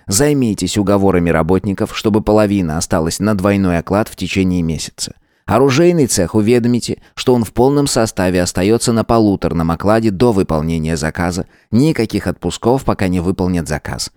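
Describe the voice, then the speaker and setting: A male narrator voicing a hot-tempered boss who shouts, scolds and gives orders. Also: deep voice, lively intonation, fairly quick, dry recording, studio quality. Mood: angry commanding. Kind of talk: audiobook character voice.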